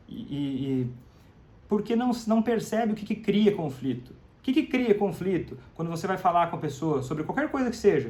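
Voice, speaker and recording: A man's voice: sits high, darkish tone. A man hosting a live stream, talking to viewers in a conversational way, asking them questions and acting out example phrases. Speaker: host of a live stream on family communication about alcoholism.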